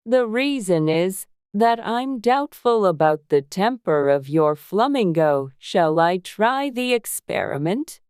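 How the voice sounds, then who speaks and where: A pompous, affectionate Duchess from a storybook, speaking slowly and sententiously as she hands out morals. The voice is smooth and clear, pitched well above the narrator's, in a dry recording. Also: lively intonation, darkish tone, no echo. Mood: confiding, pompous. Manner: pompous, drawn-out sententious delivery. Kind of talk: dramatized storybook audiobook acting.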